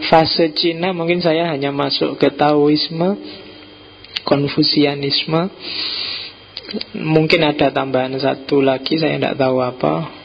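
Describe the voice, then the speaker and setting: Middle-aged Javanese-accented male lecturer, gravelly, joking and relaxed, lo-fi recording. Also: a little high. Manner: relaxed, joking, mixes in local words. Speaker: philosophy lecturer. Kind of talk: informal public lecture. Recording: dull lo-fi recording with faint noise.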